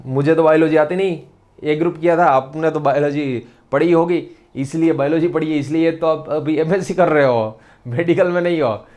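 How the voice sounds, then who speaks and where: A man's voice: a little high, normal speed, a little mellow. A man with a Gujarati accent teaching a recorded chemistry lecture, repeating points over and over and teasing his students now and then. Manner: repetitive, drilling, teasing asides to students.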